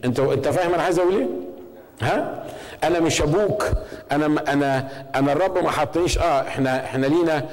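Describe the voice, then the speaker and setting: In a large church hall, a middle-aged pastor with an Egyptian Arabic accent preaches a rapid-fire sermon in a fairly high voice. He keeps it conversational, often putting questions to the congregation. The recording is rough.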